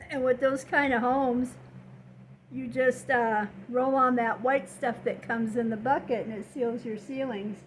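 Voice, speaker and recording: A woman's voice: fairly high pitch, fairly even intonation, measured pace, slight background noise, rough recording. An older woman telling personal stories casually to camera in a plainspoken, folksy, reflective way. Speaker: vlogger.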